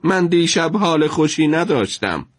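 A grave, weary monarch speaking with a heavy, solemn air, as a male narrator puts him on. The voice sits higher than the teller's own, close and dry. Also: very animated, dry recording. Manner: solemn, sighing.

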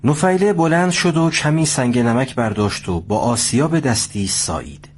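A man narrating a scripted story at a steady pace. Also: mid-range voice, slight background noise.

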